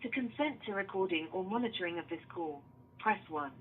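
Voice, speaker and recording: A woman's voice on an automated phone menu message, reading measured, formal prompts over a phone line. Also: medium pitch, animated, a little hiss or hum.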